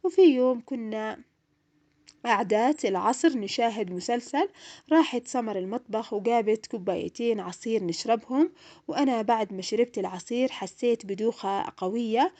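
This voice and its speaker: A woman's voice: a little high, moderate pace, warm tone. A young woman narrating her own painful story in the first person, in an emotional, plaintive way. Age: young adult.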